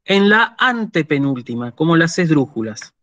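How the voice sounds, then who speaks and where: A man's voice: fairly high pitch, very animated, normal speed, sharp tone, no echo. A man with an Argentine Spanish accent giving an online university lecture, patiently checking in with his students as he explains. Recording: dull lo-fi dry sound.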